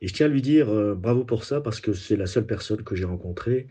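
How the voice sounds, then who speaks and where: Man, lowish dark husky voice, measured and earnest tribute. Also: lively intonation. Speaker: industry acquaintance leaving a tribute. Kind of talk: prepared tribute message.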